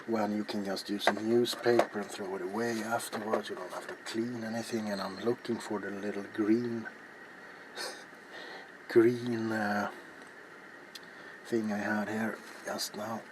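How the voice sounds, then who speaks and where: A man with a low voice narrates crafts slowly and in a level tone for his craft video channel, a hushed, casual ASMR demonstration. His talk is rambling and halting with repeated words, and the small cluttered workshop has noisy room ambience.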